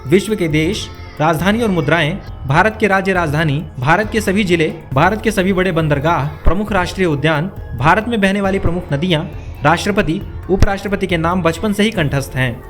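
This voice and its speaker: A man with a high voice delivers scripted news narration as a reporter. Faint music plays behind him. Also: a little fast.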